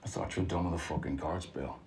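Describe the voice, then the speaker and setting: A gravelly, menacing loan shark. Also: male voice, a bass voice, fairly even intonation, fast talker, darkish tone, heavily acted. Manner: menacing, blunt. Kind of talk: TV drama dialogue.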